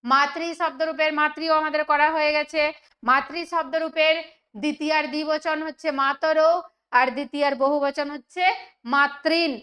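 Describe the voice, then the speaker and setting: Brief: woman teacher, high and fairly monotone, explains answers in question-and-answer steps. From West Bengal, India. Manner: asks questions then answers them, slowing to read examples. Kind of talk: exam solution lesson.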